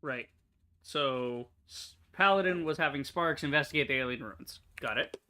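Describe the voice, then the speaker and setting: A man's voice: medium pitch, normal speed, sharp tone. A man giving casual reaction commentary while playing a video game.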